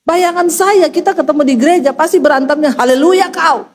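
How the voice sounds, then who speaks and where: A middle-aged woman pastor preaching a sermon with humorous, animated storytelling. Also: high voice, fast, noisy background.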